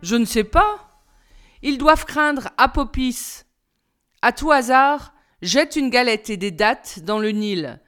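Lively chatty teenage girl, read by a woman. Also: a little high, faint music behind. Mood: reassuring. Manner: bright, brisk and encouraging.

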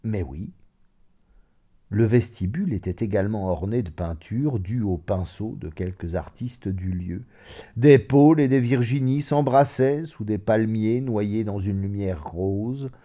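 A man narrating a classic short story in an expressive, measured reading. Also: on the low side.

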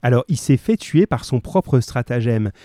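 Male teacher reading to a class; warm, dry, lively, asks questions. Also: mid-range voice, moderate pace, no echo. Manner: lively, asks questions and stresses key words. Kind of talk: reading a story aloud to a class, then explaining it.

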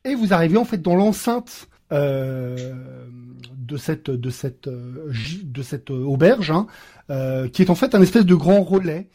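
A man's voice: a little high, animated, unhurried, mellow. A man narrating as game master of a tabletop role-playing game, hesitant with frequent filler sounds and restarts, adding playful sound effects to his descriptions.

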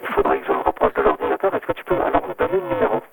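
A man's voice: extremely low pitch, wildly swooping pitch, rapid-fire, creaky, slightly rough. A man calling in live to a radio show, his voice turned robotic and garbled by a bad phone line, talking with hesitant fillers. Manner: explanatory, hesitant, many fillers. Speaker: phone-in guest. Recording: distorted phone line from far off.

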